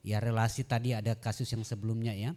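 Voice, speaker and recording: A man on a seminar panel giving a calm, structured explanation. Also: fairly low pitch, quick pace.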